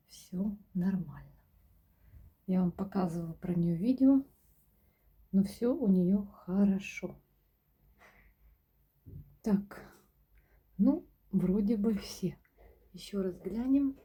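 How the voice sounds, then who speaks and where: Woman, home plant vlogger; dark, mellow, breathy voice, soft-spoken, slips into whispers. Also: mid-range voice. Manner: soft-spoken, often drops to a whisper, addresses viewers as girls. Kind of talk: casual plant-collection vlog. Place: home among houseplants, indoors.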